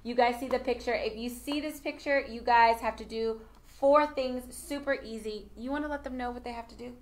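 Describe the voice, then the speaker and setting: An upbeat woman hosts a casual live studio stream, her voice sitting a little high. She talks in a promotional way and fills her pauses with frequent ums. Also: fairly even intonation. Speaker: host.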